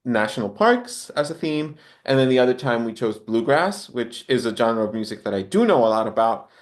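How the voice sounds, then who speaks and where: In a relaxed interview chat, a Honduran man appearing as a podcast guest rambles reflectively, his phrasing hesitant. He talks a little fast in an expressive, mid-range voice.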